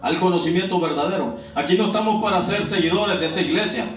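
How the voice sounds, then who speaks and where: High-voiced preacher in an echoey church. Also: male voice, fast talker. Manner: preaching with call-and-response questions to the congregation; repeats "hermano" often, exhorting. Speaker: pastor. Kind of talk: sermon. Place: church hall. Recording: echoey church from far off, faint noise.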